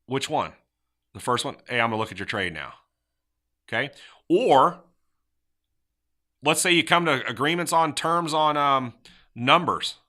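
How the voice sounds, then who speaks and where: Bright-voiced man hosting a sales podcast. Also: medium pitch, a little slow, pauses often. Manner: animated, acts out sample lines with shifting tone. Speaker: podcast host. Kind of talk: casual motivational sales talk.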